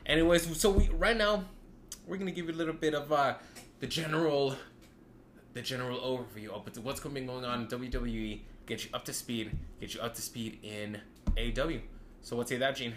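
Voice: mid-range voice, moderate pace, reverberant, crowd noise. A podcast host talking casually and emphatically in slang, often repeating phrases. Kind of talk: casual wrestling podcast talk.

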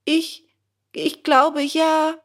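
A woman's voice: sits high, little pitch movement, extremely slow, fairly bright tone, pitched above the performer's own voice, full character voice. A woman reading a storybook aloud and voicing a frightened, stubborn wooden puppet boy who wails, pleads and stammers. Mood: stammering.

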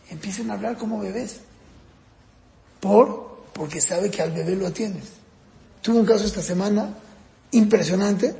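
A man's voice: high-pitched, gravelly, dark tone. A man giving a lesson on raising children, asking his listeners questions and acting out children and parents in raised voices. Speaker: parenting teacher. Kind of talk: lecture on child rearing. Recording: echoey hall with long reverb.

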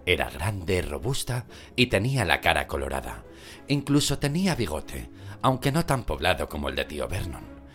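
A man reading a novel aloud as an audiobook narrator, with expressive storytelling. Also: sits low. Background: background music.

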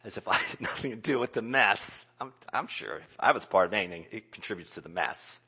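Man, pastor, sermon, bright husky voice, animated pitch, loud-to-whisper swings. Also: a little fast. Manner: dynamic, swinging from loud exclamations to hushed whispers.

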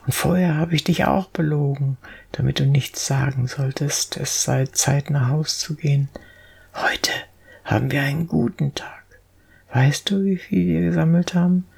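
A cheeky, streetwise young boy gives orders and teases his little companion, as a storybook reader plays him. The voice is very gravelly and husky, and the delivery is slow and deliberate. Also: mid-range voice, darkish tone, exaggerated voice. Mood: confiding. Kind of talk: audiobook character voice.

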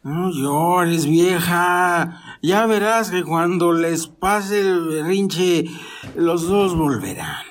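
A man voicing a drunken father in a radio drama, blustering and scolding. His voice sits high and drags slowly. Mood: angry. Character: drunken middle-aged father, harsh and proud.

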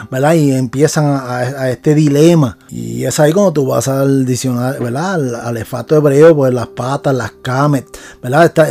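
A man's voice: mid-range voice, mellow. A man giving an unscripted Bible lesson on a podcast. He talks hesitantly, with many fillers and restarts, and keeps checking that his listeners follow. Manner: keeps asking for agreement. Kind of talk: unscripted teaching talk.

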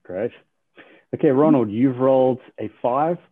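A podcast host with a mid-range, slightly slow voice runs a game-style show, upbeat as he explains the rules and quizzes his guests. The audio sounds tinny, like a phone line.

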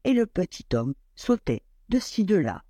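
A man reading a classic fairy tale aloud in an expressive, lilting storyteller manner. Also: high voice, normal speed, no echo.

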